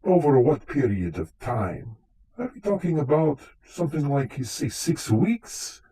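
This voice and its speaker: A man's voice: medium pitch, very animated, measured pace, dark tone, breathy edge, heavily acted, poor audio. A man playing a vain, touchy, centuries-old vampire count in comic live radio theater, with a theatrical, formal way of talking. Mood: irritated, evasive. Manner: theatrical, dryly boastful, formal phrasing.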